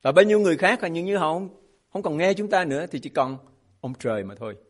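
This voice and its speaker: A man's voice: on the high side, lively intonation, fast. A man preaching a sermon as a pastor, emphatic and asking his congregation rhetorical questions.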